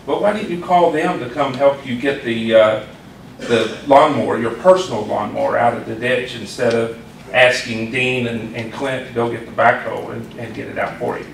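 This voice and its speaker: A man's voice: medium pitch, moderate pace, gravelly. Firm man addressing a council, echoey. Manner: firm, confrontational, reads policy aloud. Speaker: police chief. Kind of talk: public statement at a city council meeting. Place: council chamber. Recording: echoey hall, distant, faint noise.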